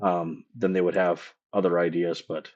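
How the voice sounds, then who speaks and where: A man running a live-streamed tabletop game as game master, rambling and halting with many fillers. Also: sits low, flat delivery, a little mellow, lo-fi sound.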